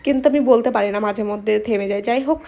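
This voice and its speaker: High-voiced young woman, fast halting chat. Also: creaky, warm tone. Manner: fast speech with frequent pauses and fillers. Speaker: makeup artist and vlogger. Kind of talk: casual talk during a makeup tutorial. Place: home room with an open window. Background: street noise through the window.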